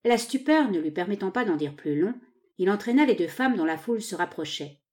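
Expressive woman reading a novel. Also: medium pitch, a little fast. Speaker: narrator.

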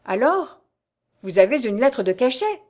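A woman's voice: a little high, very animated, unhurried, darkish tone, pitched above the performer's own voice. A woman voicing a young noblewoman under arrest, pleading and distraught. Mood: indignant.

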